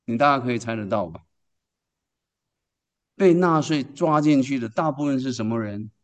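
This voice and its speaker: A man delivers a sermon in an expressive, medium-pitched voice at normal speed. He tells the story emphatically, repeatedly asking the congregation questions and then answering them himself.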